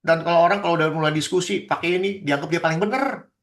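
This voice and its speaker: A man's voice: fairly high pitch, fast talker. A man, a pastor leading a teaching discussion over a video call, talking in an emphatic, indignant way and acting out quoted exchanges.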